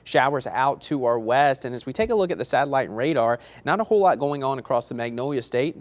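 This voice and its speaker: A man delivering a TV weather report as a forecaster, in a chatty, conversational on-air manner. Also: medium pitch.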